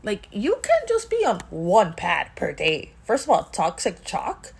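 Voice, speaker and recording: A woman's voice: mid-range voice, huge pitch swings, measured pace, creaky. Casual woman with a Miami accent. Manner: informal, slangy, swearing. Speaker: podcast co-host. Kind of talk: casual chat, reading and commenting on news items.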